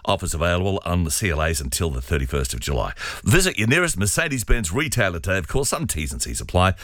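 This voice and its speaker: Low-pitched man, luxury ad narration. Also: sing-song, fast, a bit bright, no room sound, studio quality. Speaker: car advert voice-over.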